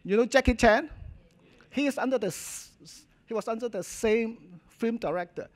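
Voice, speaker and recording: Standing at a podium in a hotel function hall, a middle-aged doctor with a Hong Kong Cantonese accent delivers an informal conference talk. His voice is very high-pitched at normal speed, and he speaks emphatically in short, choppy bursts, frequently checking in with "okay?" and "you know."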